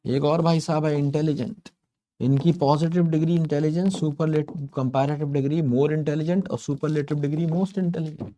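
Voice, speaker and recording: A man's voice: a little high, steady tone, moderate pace, dark tone. A man teaching a grammar lesson in a chatty, storytelling way, playfully stretching out words to make a point. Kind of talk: explaining English grammar to learners.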